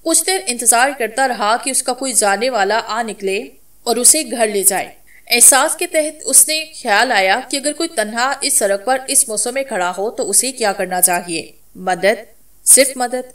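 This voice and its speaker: A woman narrating a romantic story as a measured, dramatic scripted reading. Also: on the high side, expressive, fairly bright tone, distant mic.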